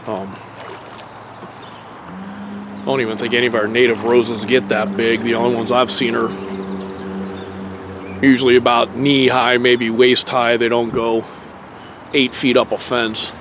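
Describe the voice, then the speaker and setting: A man casually narrating a nature hike outdoors by a creek, in a relaxed, rambling way with fillers and mild swearing, recorded on a handheld camera. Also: mid-range voice, a little slow, pauses often. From Pennsylvania. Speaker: nature vlogger. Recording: faint outdoor noise on a camera mic.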